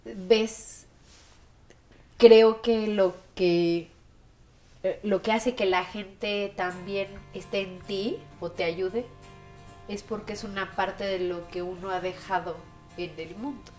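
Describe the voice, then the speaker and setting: A woman's voice: medium pitch, slow, faint music behind. A woman in her thirties with a Mexican accent, telling her story in a documentary interview and acting out the voices she quotes. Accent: Mexican Spanish. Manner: animated, acts out quoted voices.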